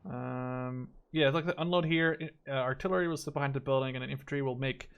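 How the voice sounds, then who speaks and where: Fast-talking with a clean, mid-range voice on lo-fi audio, this twenty-something gaming creator, a Dutch native based in Canada, offers relaxed commentary as strategy-game battle sounds and gunfire ring out in the background.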